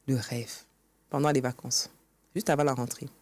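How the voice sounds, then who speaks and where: In a podcast studio interview, a woman guest author relates her own story at a moderate pace, earnest and acting out past dialogue. Her rumbling low voice is a little mellow with a steady tone, and there is no room sound.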